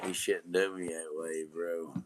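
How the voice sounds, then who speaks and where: A man's voice: low-pitched, flat delivery, measured pace, background noise. A man rambling in casual late-night talk, slangy and profane, repeating himself and drifting from thought to thought.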